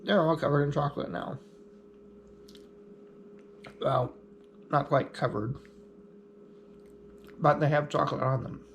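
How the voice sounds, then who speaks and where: A man's voice: on the high side, steady tone, measured pace, gravelly, long pauses, lo-fi sound, slight background noise. A man talking through a casual explanatory vlog in an easygoing, plainspoken way with light humor. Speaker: vlogger.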